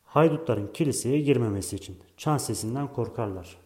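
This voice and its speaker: A man voicing a quiet, thoughtful boy who speaks in a low, matter-of-fact mutter in a storybook reading. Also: a little fast, natural voice.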